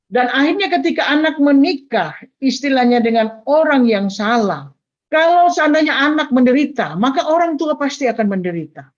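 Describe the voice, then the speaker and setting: An older grandmother giving an earnest, advising talk on family life, with frequent fillers. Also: a little high. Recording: dull lo-fi sound.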